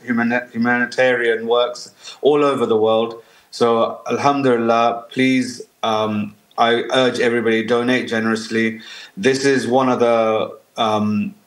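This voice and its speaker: A man from Bangladesh, a charity guest in a casual interview, speaking earnestly and halting often with fillers. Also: medium pitch. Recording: roomy echo.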